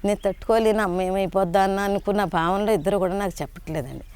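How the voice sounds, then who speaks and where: An older woman telling personal memories in a polite, halting conversational way, often restarting her sentences. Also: mid-range voice, a little mellow, smooth. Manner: polite, frequent respectful "andi", halting restarts. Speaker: interviewee sharing devotional memories.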